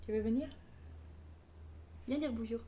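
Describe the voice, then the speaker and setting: A woman's voice: on the high side, a little slow, dark tone, a little hiss or hum. A woman chatting casually and playfully as a live streamer, colloquial and sweary, often cooing affectionately. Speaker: live streamer, craft vlogger.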